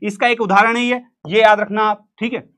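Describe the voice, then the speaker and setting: A man with a central Indian Hindi accent teaches literature for exam prep, playfully joking, acting out quotations, and singing short snippets. His voice is high, bright, and forceful, holding a fairly flat pitch at a moderate pace.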